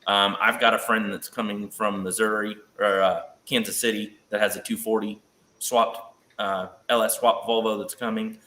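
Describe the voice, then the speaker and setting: A man's voice: on the low side, little pitch movement, normal speed, bright, forceful tone, reverberant. A man in casual chat about a car build, rambling and hedging with fillers. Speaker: guest on automotive chat.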